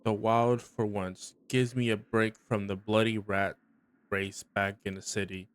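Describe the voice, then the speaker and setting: A man reading aloud the lines of a weary, dutiful male worker out in the woods, in a measured, plain way. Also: on the low side, little pitch movement, smooth, voice pushed down, natural voice. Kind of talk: reading game dialogue aloud.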